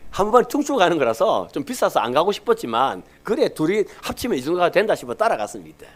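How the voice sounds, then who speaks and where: A middle-aged man, a pastor telling a personal family story in his sermon, animated and swinging between soft and loud. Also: a little high. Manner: animated, swings from soft to loud, playful baby talk in quotes.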